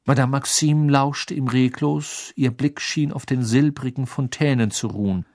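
A man reading a fantasy novel aloud as narrator, with expressive storytelling. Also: medium pitch, measured pace, no room sound, clean studio sound. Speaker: audiobook narrator. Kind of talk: scripted narration.

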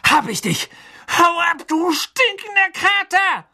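A reader doing a panicked teenage boy wizard, high strained shouting, husky edge, audiobook character. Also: brisk. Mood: frantic. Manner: frantic, shouting, raised pitch.

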